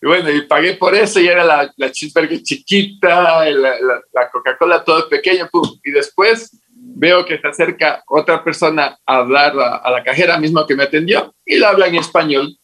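A man's voice: a little high, moderate pace, rough recording. A man from Ecuador with an Ecuadorian Spanish accent, telling his life story as an interview guest and acting out what people said to him. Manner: animated, acts out quoted dialogue.

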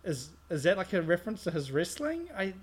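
A man's voice: high-pitched, very animated, fairly quick, breathy edge. A man co-hosting a podcast, chatting casually about a bad movie, rambling animatedly with frequent restarts. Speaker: podcast co-host. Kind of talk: casual movie review chat.

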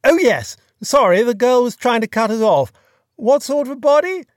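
A narrator voicing a genial, courteous aristocratic gentleman with a breezy, clipped upper-class manner, in an audiobook. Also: mid-range voice, sing-song, moderate pace, dry recording, clean studio sound, pitched above the performer's own voice, natural voice. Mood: flustered.

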